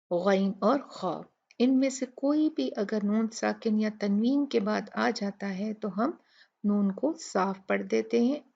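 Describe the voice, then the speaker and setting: Slow, gravelly woman teaching recitation. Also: mid-range voice, darkish tone. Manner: methodical, breaks words into letters and models slow recitation. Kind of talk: tajweed tutorial. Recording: dull lo-fi recording.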